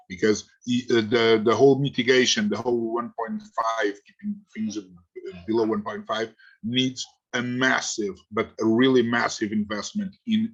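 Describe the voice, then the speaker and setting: Husky male panelist, emphatic with restarts, dull lo-fi call. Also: lowish voice, a bit bright. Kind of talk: online panel discussion.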